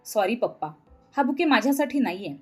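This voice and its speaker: A woman's voice: fairly high pitch, animated, brisk, breathy edge, soft background music. A woman doing a breezy college daughter. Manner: casual, mixes in English words. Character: young college daughter, breezy, cool, peacemaking.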